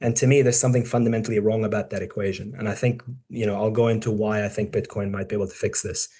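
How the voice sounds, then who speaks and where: Man, forties, lowish voice, easygoing presenter who talks to colleagues and thinks aloud with ums. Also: quick pace. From born in the UK, raised in Dubai and New Zealand. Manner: relaxed and conversational, frequent ums and restarts. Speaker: surgeon giving a talk. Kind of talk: casual presentation to peers.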